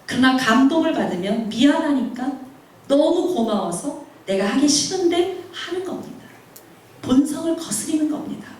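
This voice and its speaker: A woman missionary delivers a sermon, weaving in personal stories and slipping into the voices of the people she quotes. Her voice sits high and lively. It rings through a large echoing hall, picked up from well away from the microphone. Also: normal speed. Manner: animated, acts out quoted voices. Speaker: missionary preacher. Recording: very echoey hall, mic far off.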